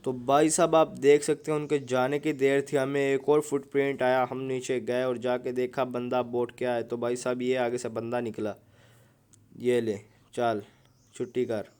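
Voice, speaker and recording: A man's voice: mid-range voice, level tone, moderate pace, hardly any pauses, darkish tone, clear, resonant tone. Chatty young man joking through gameplay. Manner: joking, chatty, keeps saying "bhai sahab". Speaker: gaming YouTuber. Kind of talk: casual gameplay commentary.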